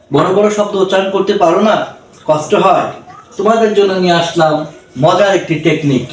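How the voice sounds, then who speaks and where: A man tutoring English pronunciation, slowly spelling out words syllable by syllable. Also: high-pitched, recorded from a distance. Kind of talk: pronunciation lesson. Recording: echoey room, voice from away from the mic, faint background noise.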